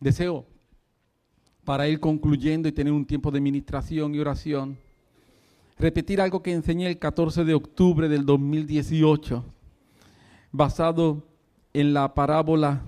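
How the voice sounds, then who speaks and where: A man's voice: fairly high pitch, dark tone. A man preaching a sermon, telling a story with fervent energy and breaking into laughter. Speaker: pastor.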